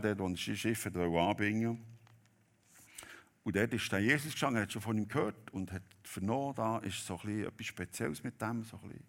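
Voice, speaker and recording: A man preaching a sermon, telling a Bible story dramatically and swinging between loud and hushed delivery. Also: on the low side, gravelly.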